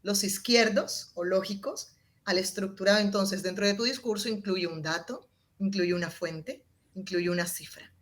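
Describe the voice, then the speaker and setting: A woman with a mid-range voice, speaking at normal speed, appears as an interview guest to explain her public speaking method. She's expressive, shifting her tone and volume to demonstrate.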